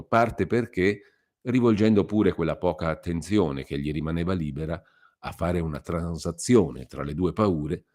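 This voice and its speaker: A man giving a measured, expressive scripted reading of a classic novel for radio. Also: deep voice. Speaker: reader.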